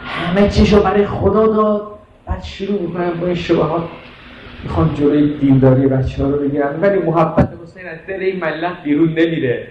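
Impassioned high-voiced male preacher, echoey hall. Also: steady tone. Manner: impassioned, rhetorical questions to the audience. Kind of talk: sermon. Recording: echoey muffled hall recording with faint noise.

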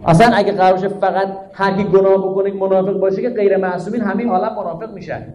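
High-voiced man preaching in an echoey hall. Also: steady tone, darkish tone, slight background noise. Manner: rhetorical questions, emphatic teaching tone; recites Arabic verses. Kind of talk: sermon. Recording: dull, echoey hall recording.

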